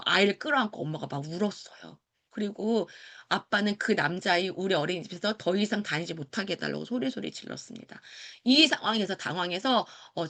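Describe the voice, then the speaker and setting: Bright, animated woman lecturer. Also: medium pitch. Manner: acts out quoted teachers and children in lively voices; asks the audience questions and answers them. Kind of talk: lecture to parents.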